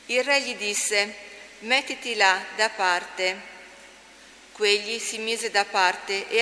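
A woman reading scripture as lector at mass, slow and measured. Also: mid-range voice, sharp tone. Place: church. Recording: reverberant church, faint hum.

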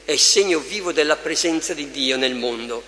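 A man leading adoration as a priest, reading scripture and meditations slowly and with measured care in a large church. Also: a little high, pushed and bright. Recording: echoey church with long reverb, faint ambience.

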